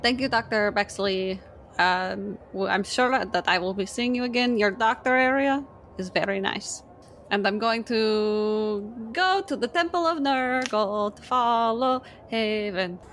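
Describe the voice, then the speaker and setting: A woman speaks in character as a tabletop game player. She is polite and deliberate, taking her time, over a noisy recording. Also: medium pitch, a bit bright. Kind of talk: casual in-character role-play.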